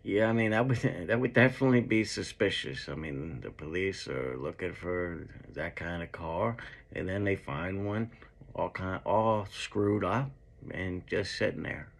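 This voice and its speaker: Low gravelly young man reacting casually. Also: unhurried. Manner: conversational, hesitant restarts, talks back to clips. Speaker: true crime commentator. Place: dark room indoors.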